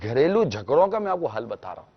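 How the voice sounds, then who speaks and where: A man answering a caller's question on a religious talk show, explaining gently and instructively and acting out small household exchanges. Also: mid-range voice, big pitch swings, breathy edge, muffled recording. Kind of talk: televised religious advice talk.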